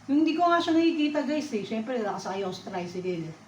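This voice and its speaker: A woman's voice: a little high, big pitch swings, quick pace, a little hiss or hum. Woman food vlogger with a raised voice, casual mealtime chatter, in an echoey room with dull sound. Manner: chatty, keeps calling out to viewers; talks while eating. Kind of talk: casual eating vlog chat. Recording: echoey, slightly dull recording.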